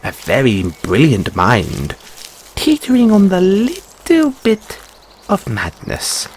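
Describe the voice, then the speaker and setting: A man's voice: on the high side, wildly swooping pitch, slow pace, a little hiss or hum, heavily acted, low-quality recording. A man playing an anxious, polite, whimsical rabbit boy in a fantasy audio roleplay, with stammered, courteous, old-fashioned phrasing. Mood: whimsical, musing. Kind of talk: theatrical fantasy audio roleplay addressed to listener.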